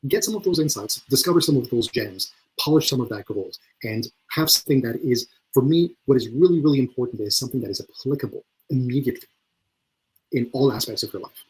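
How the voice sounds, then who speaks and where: Male leadership coach, mid-pitch voice, earnest, full of restarts, webinar talk over a video call. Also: a little fast, darkish tone, breathy edge, low-quality recording. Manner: earnest, repeats words often when starting phrases.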